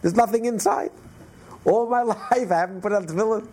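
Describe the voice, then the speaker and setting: A man's voice: brisk, darkish tone, breathy edge. A man doing a wailing, remorseful man. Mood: wailing lament. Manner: high, keening lament with Yiddish sighs. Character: wailing, remorseful man lamenting his sins.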